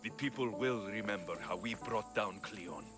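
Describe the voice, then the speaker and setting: A man's voice: on the low side, normal speed, music in the background, close to an everyday voice. An actor playing a grieving male Greek mercenary hero in a video game, speaking in a subdued, somber way. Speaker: game protagonist. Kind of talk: video game cutscene acting.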